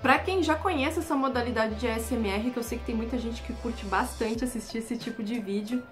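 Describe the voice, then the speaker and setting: A woman's voice: on the high side, fairly quick, soft background music. A Brazilian woman talking to her viewers in a casual, chatty way, explaining steps one by one with hesitant fillers. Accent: Brazilian Portuguese. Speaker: YouTube creator. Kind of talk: casual instructional talk.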